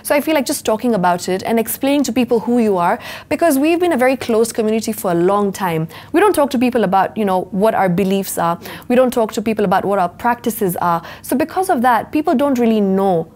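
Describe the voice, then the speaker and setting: A woman's voice: fairly high pitch, lively intonation, fast talker, hardly any pauses, darkish tone. A young woman from Kenya, speaking as an interview guest in an earnest, reflective way, often adding "you know" and "right?". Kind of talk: casual interview chat.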